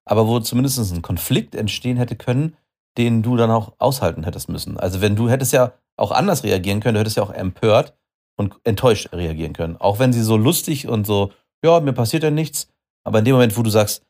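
Lower-voiced earnest father explaining. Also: quick pace, darkish tone. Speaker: podcast co-host, father. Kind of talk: casual chat.

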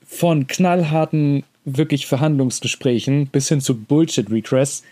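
A man's voice: on the high side, fairly even intonation, unhurried, mellow. A young man co-hosting a podcast, talking casually in a rambling way with slangy asides. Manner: rambling, many restarts and fillers, slangy. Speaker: podcast co-host.

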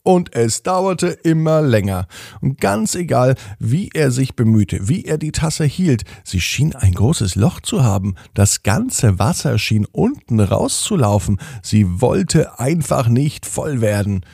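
Slow gravelly male storyteller. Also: mid-range voice, dry recording, clean studio sound. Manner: calm, unhurried. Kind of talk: bedtime story narration.

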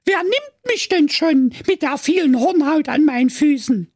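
A man voicing a whiny young princess, shrill and squealing, with a Saxon accent. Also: lively intonation, measured pace, darkish tone, no room sound, clean studio sound.

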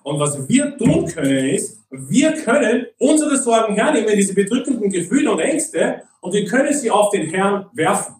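A high-voiced man gives a sermon from some distance away from the mic, his voice ringing through a roomy hall. He talks conversationally and keeps checking in with his listeners. He slows down and gets deliberate when reading scripture. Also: very animated, a little mellow. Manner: conversational, often asks "nicht?" and "okay?"; reads Bible verses slowly and deliberately. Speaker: preacher.

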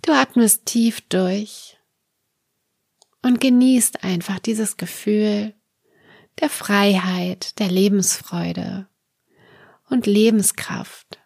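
A woman leading a guided meditation, narrating a dream journey gently and soothingly in short, calm phrases with pauses. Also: mid-range voice, gravelly, no room sound, studio quality.

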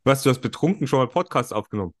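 A man's voice: medium pitch, lively intonation, racing. A man co-hosting a podcast in casual chat, with a dry, teasing sense of humor. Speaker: podcast co-host.

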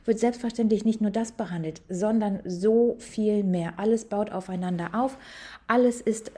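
Emphatic woman, mellow voice. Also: mid-range voice. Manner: animated, emphatic, switches between slow stress and fast asides. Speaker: podcast host and etiquette coach. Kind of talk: casual podcast monologue.

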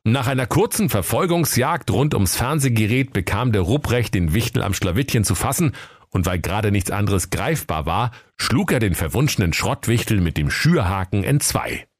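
Deep playful storybook narrator, a man. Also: expressive, normal speed, no room sound, clean studio sound.

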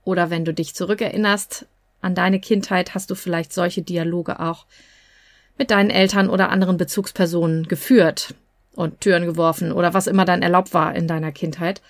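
A woman's voice: lowish voice, fairly even intonation, brisk, no room sound. Woman coach talking through a podcast. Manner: conversational, explanatory, many fillers like "ja" and "äh". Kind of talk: podcast monologue giving advice.

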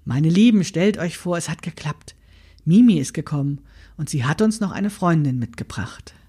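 A woman doing a gentle, mysterious old grandmother. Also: deep voice, animated, moderate pace, husky. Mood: kindly.

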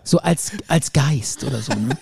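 A man's voice: medium pitch, moderate pace, gravelly, breathy edge. A man casually telling a long story on a podcast, rambling and acting out the quotes. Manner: animated, rambling, acts out quotes. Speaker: podcast co-host.

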